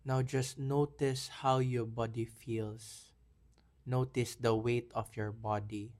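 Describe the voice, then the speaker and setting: A man guiding a calm breathing meditation in a soft, soothing voice. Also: medium pitch, takes it slowly. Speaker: meditation guide.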